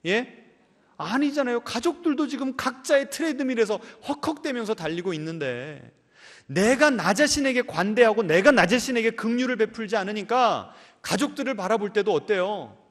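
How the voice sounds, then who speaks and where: A male pastor preaching a sermon, questioning his congregation and swinging between emphatic raised lines and soft low endings. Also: expressive, normal speed. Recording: church hall with long reverb.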